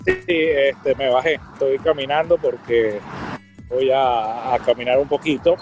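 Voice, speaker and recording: A man's voice: medium pitch, fairly even intonation, a little slow, a little mellow, faint music behind, rough recording. A man chatting casually on a podcast while walking outdoors in a park, easygoing and a little hesitant.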